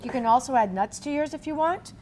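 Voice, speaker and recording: Chatty, higher-voiced woman hosting a cooking demo. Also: lively intonation, quick pace. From Cape Cod, also grew up partly in Berlin in a US military family. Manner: chatty, narrates each step, folksy asides. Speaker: cooking show host. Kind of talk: casual cooking demonstration chat. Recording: noticeable background room noise.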